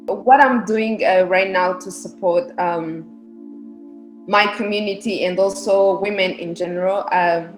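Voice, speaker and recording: Faint music sits behind a young woman's mid-range voice as she talks a little slowly in an echoey room. She's from Rwanda, a research specialist guesting on a podcast, and she explains her views earnestly and at length in casual interview answers.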